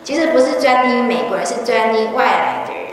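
A woman's voice: fairly high pitch, brisk, over music. A middle-aged woman, telling a story casually at a religious gathering and acting out the dialogue. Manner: chatty, acts out quoted dialogue, tags sentences with "ha". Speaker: member sharing a testimony at a religious gathering. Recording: echoey hall from far off.

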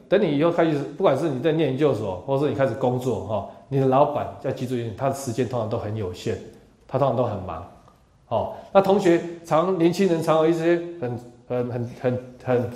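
A middle-aged man lectures a class at a quick clip, his tone mellow and dark. He keeps things chatty, tagging lines with little "哦" sounds and asking the room rhetorical questions. The sound is echoey, as in a lecture hall. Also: mid-range voice. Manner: chatty, peppers speech with "哦" tags and rhetorical questions; animated, acts out quoted remarks. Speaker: university lecturer.

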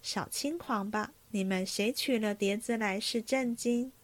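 A woman voicing a calm, sensible senior maid who speaks softly and with measured care. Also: mid-range voice, lightly acted. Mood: teasing scold.

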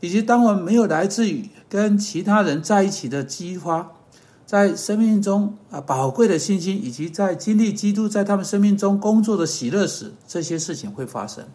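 A man giving an earnest sermon-style podcast teaching that closes in prayer, pausing on fillers and correcting himself as he goes. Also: high voice, animated, warm tone. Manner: earnest, measured, with hesitant fillers and self-corrections.

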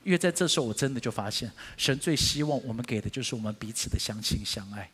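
Male pastor, sermon, very lively pitch, bright forceful tone. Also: quick pace. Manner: animated preaching, sudden climbs to high emphatic pitch.

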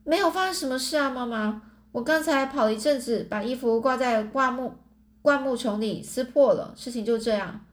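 A woman reading aloud puts on an eager, stubborn young farm boy, talking fast and a little high as he brushes off questions. His words come in quick, defensive bursts, pitched up like a child caught out, in a storybook reading. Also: close to an everyday voice. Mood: protesting. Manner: quick, pleading, protesting.

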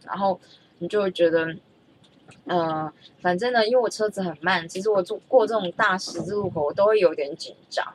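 A woman's voice: fairly low pitch, a little fast, slight background noise. Chatty young woman telling a story. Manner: chatty, animated, stammers when excited. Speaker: vlogger. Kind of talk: casual storytelling.

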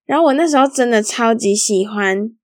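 A woman's voice: fairly high pitch, a little fast, dry recording. Chatty young woman, dry sound. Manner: chatty and giggly, lots of fillers like 好啦 and 反正. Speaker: podcast host. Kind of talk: casual solo storytelling.

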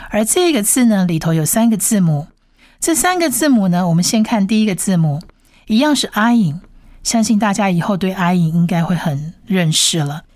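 A woman giving a language lesson, her pitch rising and falling a lot as she explains. She patiently repeats each sound slowly several times. The recording is dry and close. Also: animated, darkish tone, no echo. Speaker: teacher.

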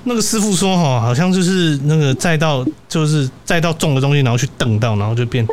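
A man's voice: fairly high pitch, animated, quick pace, darkish tone, slight background noise. A young man hosting a podcast, telling college stories in a rambling, restarting way. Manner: rambling, many restarts and tag questions, laughs often. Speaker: podcast host. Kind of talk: casual storytelling chat.

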